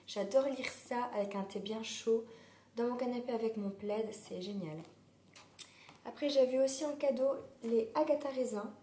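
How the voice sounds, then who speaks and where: A woman vlogger chatting casually while hoarse from a sore throat, rambling with many fillers. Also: on the high side, moderate pace, dark tone, slight background noise. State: sore throat, losing her voice. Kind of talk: casual chat. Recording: roomy echo.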